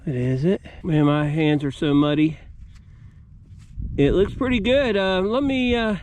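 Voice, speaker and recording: A man with a high voice and an American accent narrates casually to his viewers outdoors. His manner is folksy, and he explains each step as he goes, like a hobbyist host showing finds. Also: unhurried, a little mellow, slight background noise. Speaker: metal detecting video host. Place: outdoors at an old homesite.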